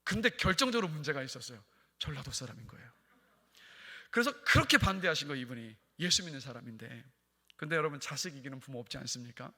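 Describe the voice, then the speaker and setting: A man preaching a sermon as senior pastor at a Friday prayer meeting, from Chungcheong in Korea, swinging between loud emphatic lines and hushed near-whispers. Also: medium pitch, animated, quick pace, big-room sound. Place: church sanctuary.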